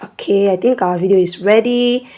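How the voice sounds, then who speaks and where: Woman walking through a tutorial, mellow voice. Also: medium pitch, normal speed. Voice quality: instructive, repeats "okay?" to check in. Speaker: tutorial host. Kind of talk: screen-recording tutorial.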